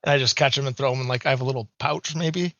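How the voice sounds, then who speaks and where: A man's voice: mid-range voice, steady tone, fast talker, a bit bright. A man playing in a tabletop game, describing his actions in a casual, rambling way. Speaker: player. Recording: dull, muffled audio.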